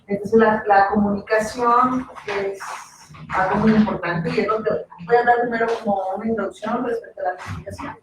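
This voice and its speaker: A woman psychologist with a Mexican accent giving a chatty talk, with frequent tag questions and fillers. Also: fairly high pitch. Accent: Mexican Spanish. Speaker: psychologist guest speaker. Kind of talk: casual talk lecture. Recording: echoey room, distant mic, noisy.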